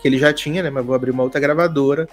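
A man's voice: medium pitch, racing, soft background music. A man from Brazil on a podcast, retelling a film plot in casual chat and acting out the lines of its characters. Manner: animated storyteller acting out dialogue voices. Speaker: podcast co-host.

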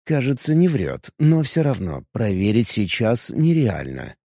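A man narrating an audiobook in an even, unhurried storytelling manner. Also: mid-range voice, creaky, dry recording, studio quality. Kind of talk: scripted narration.

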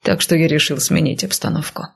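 Audiobook: woman doing a brash, teasing nobleman, hushed and smirking, gravelly and husky. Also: sits low, fairly even intonation, fairly quick, full character voice.

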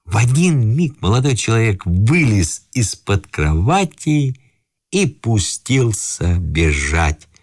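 Lively male storyteller reading aloud. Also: on the low side, slow pace, no room sound, studio quality. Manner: expressive storytelling. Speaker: reader. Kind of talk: classic literary reading. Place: radio studio.

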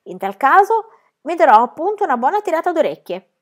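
A woman voicing a bold, cheerful young girl who tells tall tales, in a loud, high-spirited, boastful manner. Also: big pitch swings, a little fast. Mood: cheeky.

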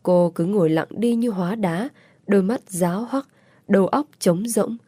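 A woman reading a story aloud in a measured, emotive narration. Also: mid-range voice, warm tone, slightly rough, no echo. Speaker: audiobook narrator.

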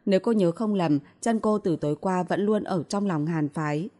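A woman's voice: lowish voice, normal speed, mellow. A woman narrating a romance novel as an audiobook, reading steadily and evenly.

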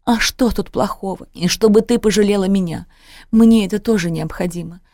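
A woman's voice: low voice, unhurried, vocal fry, mellow, husky, no echo, clean studio sound, full character voice. A woman reading a story, voicing a weary middle-aged mother who pleads with her daughter through tears. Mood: tearful pleading. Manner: pleading, tearful.

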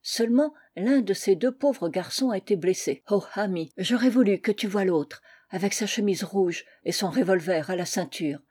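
A woman reading a short story aloud, storytelling at an even pace and lightly voicing the characters' lines. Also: mid-range voice, moderate pace, few pauses, husky. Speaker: audiobook reader.

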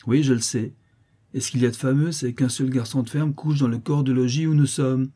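A man's voice: medium pitch, fairly even intonation, brisk, dark tone, slightly rough, voice pushed up, lightly acted. A man voicing a lame, mocking boy who taunts cruelly in a sing-song way. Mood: jeering.

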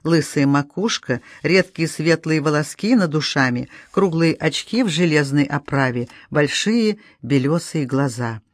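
A woman reading a novel aloud as an audiobook, calm and measured. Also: low voice, no echo, studio quality. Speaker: audiobook reader.

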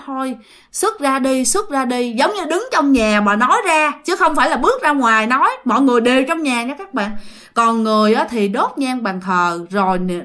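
A woman telling a ghost story in a chatty, animated way. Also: fairly high pitch. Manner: animated, chatty, many fillers.

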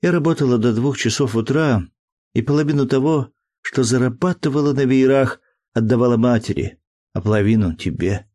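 A man's voice: mid-range voice, fairly quick, mellow, pitched above the performer's own voice, natural voice. A man voicing a gushing young woman in love. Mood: tender. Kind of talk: audiobook character reading.

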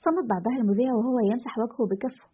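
A woman narrating a scripted story in a brisk, even storytelling manner. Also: on the high side, slight background noise. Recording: dull lo-fi recording.

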